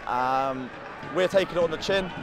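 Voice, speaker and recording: A man, a rugby team captain, speaking plainly and quickly about a loss in a post-match interview outdoors. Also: fairly high pitch. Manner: rapid, plainspoken, accepting defeat. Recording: loud crowd and outdoor noise.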